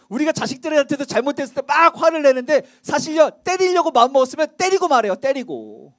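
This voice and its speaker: A male pastor preaching a sermon in a church, speaking conversationally and quizzing the congregation with rhetorical questions. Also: extremely high pitch. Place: church sanctuary.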